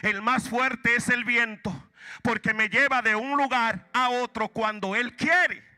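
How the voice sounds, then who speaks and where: A man preaching, voicing a smiling cloud who speaks gently and modestly. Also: very high voice, measured pace, pitched below the performer's own voice, exaggerated voice.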